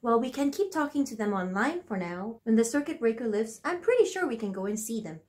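A woman who hosts a children's educational show and speaks gently and reassuringly. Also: fairly high pitch, big pitch swings, brisk. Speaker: host.

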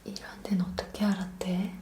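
A woman whispering gently and affectionately in a roleplay ASMR, talking softly to the listener. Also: medium pitch, level tone, moderate pace, roomy sound. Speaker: ASMR creator.

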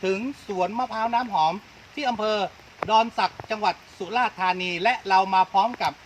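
A man's voice: sits high, steady tone, a little fast, a little hiss or hum, rough recording. A man hosting a company channel, formally introducing a guest outdoors at a coconut orchard. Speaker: channel host.

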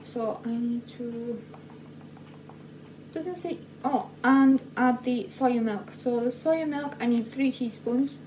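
A young woman with a somewhat high but mellow voice walks through a baking recipe in a home kitchen at an unhurried pace. She talks casually and stops often to correct herself or search for a word. The phone mic sits a little way off, with faint noise behind her. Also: low-quality recording. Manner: chatty, halting with fillers and self-corrections. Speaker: vlogger. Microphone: phone camera at a distance.

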